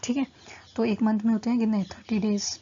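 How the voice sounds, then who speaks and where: Mellow, husky woman teaching vocabulary. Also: on the high side, level tone, lo-fi sound. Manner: repeats "theek hai" as a check-in, stretches key English words slowly. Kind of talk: casual Hindi-English teaching.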